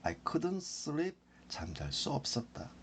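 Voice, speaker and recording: A man teaching English as a lesson, explaining slowly and repeating phrases for drilling. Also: medium pitch, huge pitch swings, slight background noise.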